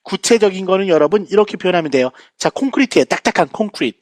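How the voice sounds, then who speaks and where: Animated, high-voiced male lecturer. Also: fast, dry recording. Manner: lively lecturing, frequent "자, 여러분" asides, playful jokes. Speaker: English vocabulary teacher. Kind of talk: recorded online lecture.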